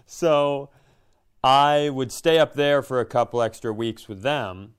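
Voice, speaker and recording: Taking it slowly, a comedian who hosts a podcast recounts a casual, self-mocking story from his life in a smooth, medium-pitched voice. Now and then he acts out imagined dialogue.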